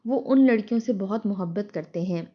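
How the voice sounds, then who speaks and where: A woman's voice: mid-range voice, lo-fi sound, natural voice. A woman voicing a bossy, scheming village aunt who lectures insistently.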